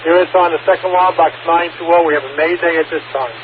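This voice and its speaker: A man's voice: fairly high pitch, fairly even intonation, fast. A man working as a fire dispatcher, reading out times and codes procedurally over two-way radio. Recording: tinny, noisy fire dispatch radio channel.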